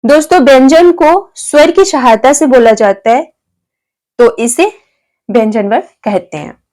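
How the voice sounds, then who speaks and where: A woman teaches grammar to her video viewers in a high voice. She goes slowly and carefully, reading letters out one at a time. She asks questions and then answers them herself. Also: lively intonation, darkish tone.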